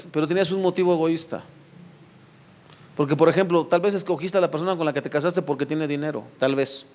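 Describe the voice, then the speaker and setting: A man's voice: a little high, a little mellow. A man preaching a sermon to his church, firing rhetorical questions at the congregation and addressing them directly. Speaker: pastor.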